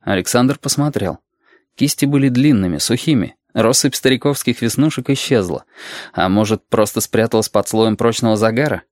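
An audiobook narrator reading a story in a calm, even storytelling manner. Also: medium pitch, normal speed, no echo, studio quality.

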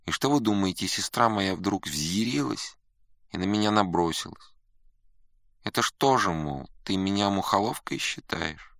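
A man voicing a glum young male kappa student with a nasal voice, complaining quietly. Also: deep voice, expressive, unhurried, gravelly, no room sound, studio quality, pitched above the performer's own voice, heavily acted.

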